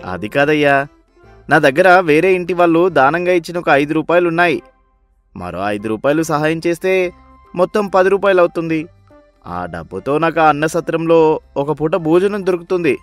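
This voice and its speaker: A man's voice: on the high side, animated, normal speed, soft background music, lightly acted. A man voicing a humble begging pauper. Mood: pleading. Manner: pleading, repeatedly begging for alms. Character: poor hungry male beggar, pleading and humble. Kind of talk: storybook voice acting.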